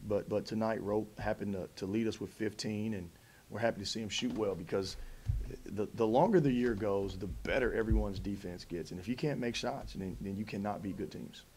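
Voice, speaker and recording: Casting: low-voiced male coach in his 30s, calm and measured post-game answers, table mic, faint background hiss. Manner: measured, many fillers and restarts. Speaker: head basketball coach. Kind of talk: post-game press conference. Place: press conference room in front of a backdrop. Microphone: table mic in front of him.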